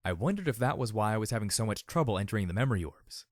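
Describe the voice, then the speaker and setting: A man narrating an audiobook in a steady first-person reading. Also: on the low side, racing, no echo, studio quality.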